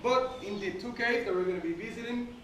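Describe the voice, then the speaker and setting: A high-pitched male tour guide addresses his group inside a cave. His voice echoes heavily and reaches the mic from a distance, over clear background noise. He explains point by point, often checking that people follow. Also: fairly quick.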